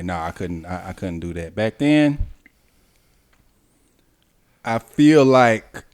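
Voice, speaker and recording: Laid-back joking young man, podcast co-host. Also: lowish voice. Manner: laid-back, joking, animated when telling stories. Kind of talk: casual chat.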